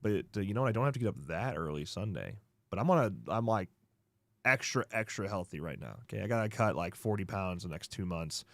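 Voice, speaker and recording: Guy streaming casual chat, lowish voice, super animated pitch, dry sound. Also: a little fast, no room sound. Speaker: live stream co-host.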